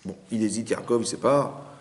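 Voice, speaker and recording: A man's voice: fairly low pitch, moderate pace. A man, a rabbi, giving a Torah lesson, telling the story with acted-out dialogue and rhetorical questions.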